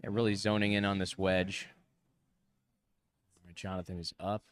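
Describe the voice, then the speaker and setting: A man giving play-by-play golf commentary in a measured broadcast manner, full of course jargon. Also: low-pitched, level tone, smooth, no room sound.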